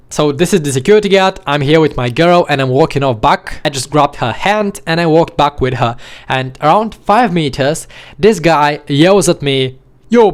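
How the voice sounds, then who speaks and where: Young man telling a story, slightly high voice. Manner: animated, acts out the scene with quoted voices. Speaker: vlogger. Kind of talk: casual storytelling to camera.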